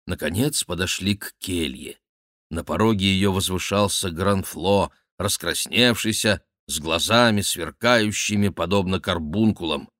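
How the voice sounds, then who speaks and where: A man narrating a historical novel as an audiobook, in a measured, even storytelling manner. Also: low voice, no echo, clean studio sound. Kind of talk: scripted literary narration.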